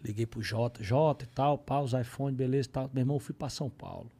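A man, a comedian telling a comic story on a podcast in slangy, profane talk, swinging between low mutters and loud exclamations. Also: steady tone, fast talker.

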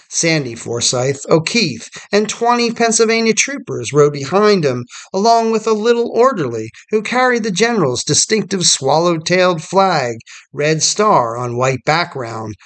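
A man with a somewhat higher-than-usual voice reads a scripted history documentary. He narrates in a measured, storytelling manner, with the even pacing of a prepared script.

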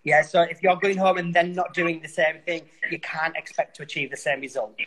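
A man's voice: fairly high pitch, fairly even intonation, a little fast, pushed and bright, low-quality recording. A man, a hairdresser, patiently explaining hair colour on a video call and repeating points for emphasis. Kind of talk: casual video call chat.

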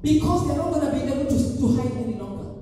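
A woman pastor preaching a sermon emphatically, acting out quoted voices with big jumps in pitch. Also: animated, quick pace, dark tone, a little hiss or hum. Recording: echoey hall from far off.

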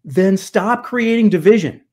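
A man in his fifties, a guest church historian, speaking over a video call from a home study, emphatic and animated with rhetorical questions. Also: high-pitched, unhurried. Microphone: video call webcam.

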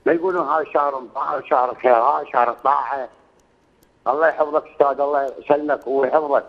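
A man's voice: mid-range voice, steady tone, rapid-fire, dull audio. A man in his sixties with an Iraqi accent, calling in to a radio show and pleading about his hardship, swearing oaths and repeating himself. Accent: Iraqi Arabic. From Iraq. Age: 60s. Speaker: caller. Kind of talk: call-in radio complaint. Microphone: phone line.

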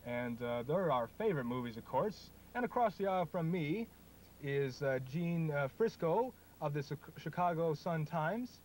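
High-voiced, halting young film critic played by a man. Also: animated, darkish tone, close to an everyday voice. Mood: enthusiastic. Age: young adult. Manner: halting, repeats words. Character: enthusiastic, stubborn male TV film critic, parody. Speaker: show host. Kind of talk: mock movie-review show banter. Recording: noisy home video in parked car.

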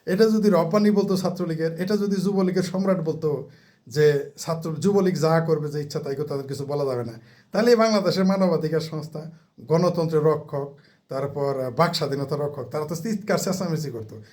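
A man's voice: on the high side, brisk, darkish tone. A man, ranting as a political commentator in a mocking, heated way, with crude insults and rhetorical questions.

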